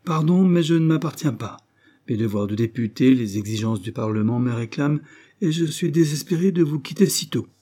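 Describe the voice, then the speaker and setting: A man reading the part of a haughty, hurried male deputy who is affectedly polite and dismissive. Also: mid-range voice, animated, dark tone, husky, pitched above the performer's own voice. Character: haughty busy male deputy, Parisian cousin.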